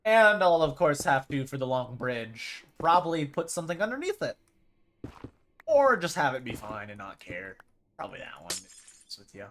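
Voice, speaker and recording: Streamer chatting through a live game, lively up-and-down voice, just thinking out loud. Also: medium pitch, normal speed. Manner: rambling, thinks aloud while playing. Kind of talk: casual live gameplay chat.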